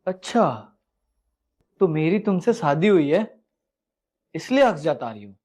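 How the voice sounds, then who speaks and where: A man's voice: fairly high pitch, big pitch swings, unhurried. A man playing a rude, domineering husband. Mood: angry. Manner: harsh, shouting and insulting.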